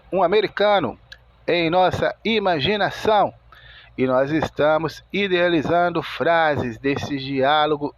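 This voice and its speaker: Male language teacher, higher voice, deliberate step-by-step explaining. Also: no echo, dull audio. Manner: slow, methodical, spells out sounds word by word. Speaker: English teacher. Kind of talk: video lesson explanation.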